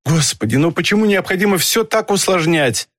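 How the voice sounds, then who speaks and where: A man voicing an anxious gentle woman. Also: high voice, expressive, fairly quick, no room sound, studio quality, voice pushed up. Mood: flustered.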